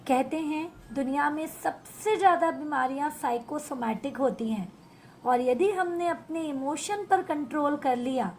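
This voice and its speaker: Slow, high-voiced woman guiding a meditation. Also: slight background noise. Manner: slow, soothing and heartfelt, repeating affirmations. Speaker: session leader. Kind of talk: guided healing meditation.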